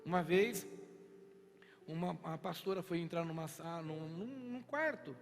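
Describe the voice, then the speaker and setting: A man's voice: a little high, measured pace, creaky. A male pastor with a Brazilian Portuguese accent preaching a sermon in a church, telling stories and acting out the dialogue. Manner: storytelling, animated, acts out dialogue. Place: church sanctuary. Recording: reverberant church hall with faint music.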